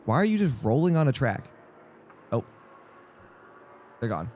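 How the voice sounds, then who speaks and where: A man's voice: medium pitch, big pitch swings, unhurried, a little mellow, a little hiss or hum. A young man rambling through casual live-stream commentary on a sim race, jokey and easily distracted. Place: home streaming setup.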